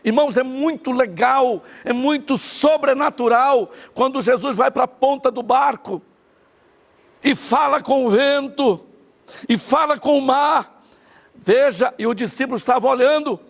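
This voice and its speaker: A man's voice: very high-pitched, measured pace, gravelly. A male pastor preaching a sermon, emphatic and repeating his key phrases. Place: church online service.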